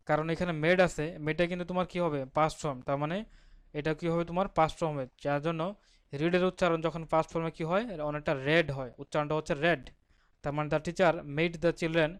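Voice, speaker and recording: A man with a Bangladeshi Bengali accent, his voice a touch high and smooth, teaches an exam-prep grammar lesson, asking and answering his own questions as he goes. He reads the English example sentences out slowly. The sound is dry and close. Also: no room sound.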